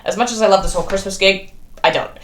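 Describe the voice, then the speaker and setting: Performer as old male Santa, blunt, grumpy, very quick delivery, echoey room, comedy sketch. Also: medium pitch, a bit bright, lightly acted. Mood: weary, blunt. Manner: blunt, rapid complaining. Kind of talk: comedic character interview.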